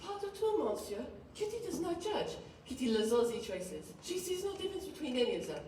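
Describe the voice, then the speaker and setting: A woman's voice: high voice, sing-song, brisk, dark tone, a little hiss or hum. Teen girl playing a coy mock-French waitress. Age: teens. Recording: echoey hall from far off.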